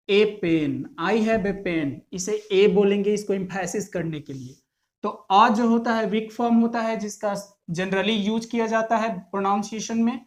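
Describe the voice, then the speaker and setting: A man gives an English pronunciation lesson in an unhurried classroom manner. He lingers on every word and repeats key points. He keeps checking in with his listeners through questions. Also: high-pitched. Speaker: English teacher.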